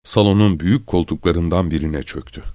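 A man calmly reading a story aloud as narrator. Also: low-pitched, fairly quick, no room sound, studio quality.

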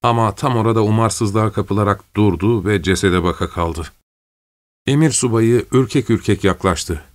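A man reading a war story aloud as narrator, steady and measured. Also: lowish voice, no echo.

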